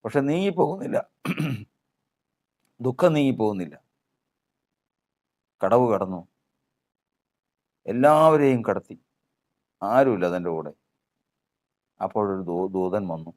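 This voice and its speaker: Low-voiced man preaching a sermon. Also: very animated, slow pace, pauses often, darkish tone. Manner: repetitive rhetorical preaching with questions.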